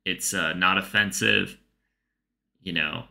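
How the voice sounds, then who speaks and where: A man telling a comedic story in a casual, rambling way, full of fillers and swearing, delivered deadpan. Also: low-pitched, slow pace, gravelly.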